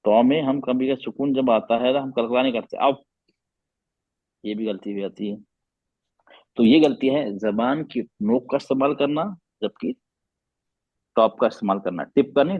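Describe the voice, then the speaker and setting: A male teacher leads an online class in Quran recitation, patiently drilling sounds and asking his students questions. His voice has a slightly husky edge. The audio is dry and muffled, like a dull online call. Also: mid-range voice, no echo.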